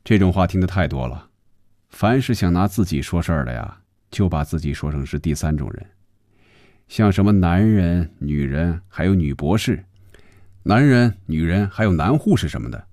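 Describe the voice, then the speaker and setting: Man voicing a deep-voiced, teasing salesman for a radio serial, dry close sound. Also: very animated, moderate pace, warm tone, no echo. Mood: easy. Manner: coaxing and joking. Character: glib male salesman, easygoing and teasing.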